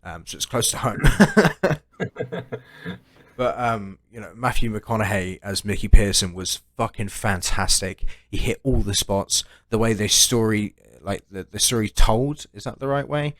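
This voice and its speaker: A man talks in a low voice, recorded close and dry with almost no room sound. He rambles through long stories, tacking "right?" onto his sentences and swearing casually. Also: a little slow, fairly bright tone, no echo. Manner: swears freely. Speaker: podcast co-host. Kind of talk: casual chat.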